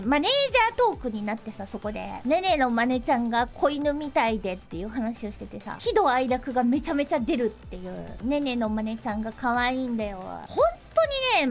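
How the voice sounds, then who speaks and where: A woman streamer chats casually on her livestream in a high voice that leaps all over the place. She giggles often and acts out other people's lines while she tells her stories. Soft music plays faintly underneath. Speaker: VTuber streamer.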